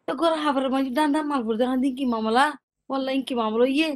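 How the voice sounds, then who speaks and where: A woman who speaks Rohingya natively recounts something she witnessed herself, chatting in an interview and often repeating words. Her voice is high-pitched and she talks fast.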